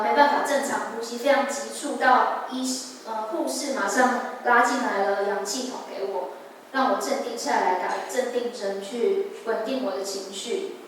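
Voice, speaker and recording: A young woman with a Taiwanese Mandarin accent giving a personal testimony at a church service, earnest and halting with restarts. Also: a little high, slight background noise. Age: young adult. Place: large church hall. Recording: echoey hall, mic far off.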